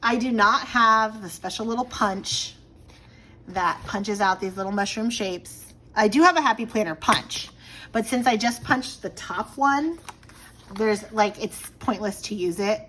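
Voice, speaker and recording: At home, a woman in her thirties plans and talks to camera in a chatty, rambling way, full of fillers, with a slight frog in her throat. She's a planner vlogger whose medium-pitched, fairly bright voice keeps a measured pace over a little hiss or hum.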